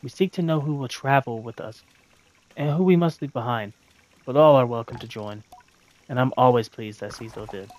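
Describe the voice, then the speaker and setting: A man reading a story game aloud in measured, thoughtful narration with occasional commentary. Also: medium pitch, darkish tone. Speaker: gaming video narrator.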